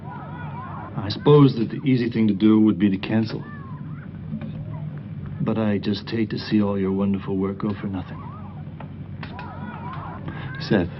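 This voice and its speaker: An actor as an earnest choir man in an old television drama, persuasive and low-voiced. The film sound is dull, with faint noise behind him. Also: lightly acted. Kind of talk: 1980 television film acting. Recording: dull old film audio, background hum.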